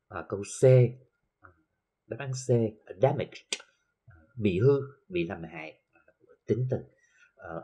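A man with a Southern Vietnamese accent teaching an English lesson, explaining slowly with many filler sounds and reading English examples carefully. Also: low voice, breathy edge, highs cut off. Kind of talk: recorded classroom lesson for TV.

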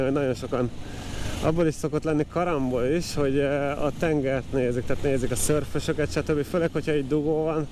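A man riding a motorbike along a seaside road, chatting informally to his viewers with lots of fillers. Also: mid-range voice. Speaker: motovlogger. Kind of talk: casual riding commentary. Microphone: helmet or body camera mic while riding. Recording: outdoor ride with clear road noise. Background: traffic and engine noise.

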